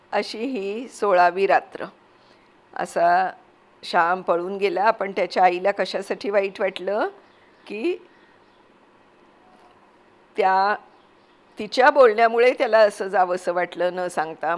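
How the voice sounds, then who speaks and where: A woman narrating a classic novel as an audiobook reading, in a measured and expressive storytelling manner. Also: mid-range voice.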